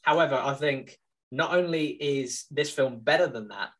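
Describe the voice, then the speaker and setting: A young man in his twenties co-hosting a film podcast, enthusiastically and sincerely pitching a movie. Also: moderate pace, fairly bright tone, poor audio. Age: 20s. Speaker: podcast co-host. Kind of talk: casual film-review chat.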